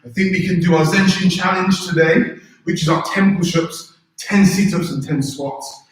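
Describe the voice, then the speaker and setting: A man's voice: sits high, moderate pace. A man leading a live beginner karate workout, giving informal, encouraging instructions and counting out exercise commands. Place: echoey indoor room, recorded from a distance. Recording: very echoey room, distant microphone.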